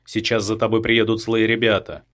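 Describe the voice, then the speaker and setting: A man voicing a calm, firm male rescuer who gives curt commands. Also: on the low side, normal speed, lightly acted. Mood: dry, firm.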